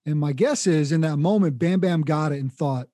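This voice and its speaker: A man's voice: a little high, moderate pace, mellow, dry recording, studio quality. A man hosting a podcast, recapping his guest's story and asking follow-up questions. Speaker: podcast host. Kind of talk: interview conversation.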